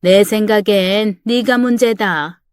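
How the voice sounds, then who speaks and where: A woman's voice: medium pitch, slow, smooth, no room sound, clean studio sound, close to an everyday voice. A woman voicing a selfish, scolding middle-aged mother-in-law in a dramatized story reading. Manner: sharp, scolding, self-pitying.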